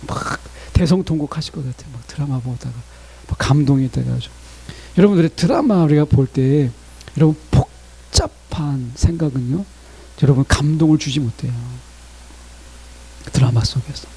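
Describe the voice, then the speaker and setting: A man preaching a sermon as pastor, talking straight to his congregation in an animated way. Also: a little high, normal speed, long pauses, breathy edge.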